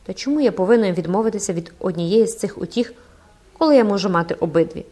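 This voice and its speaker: A cocky young officer with a loud, brash delivery and a quick temper, as a woman reader puts him on. He swaggers through every line of this storybook audiobook. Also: mid-range voice, animated, close to an everyday voice. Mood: brash, ironic. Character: proud hot-tempered young male cavalry captain.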